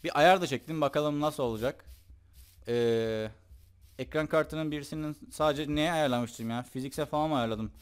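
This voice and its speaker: A man's voice: a little high, normal speed, clear, resonant tone. Chatty young man narrating his gameplay. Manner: chatty, joking, talks to the game's mobs. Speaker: gaming YouTuber. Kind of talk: casual gameplay commentary.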